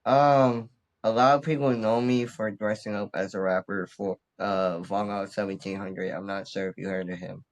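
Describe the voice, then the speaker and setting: He's a rapper of twenty from Bridgeport, Connecticut, guesting in a casual interview, easygoing, using slang, and laughing a lot. His voice is lowish, with fairly even intonation and normal speed.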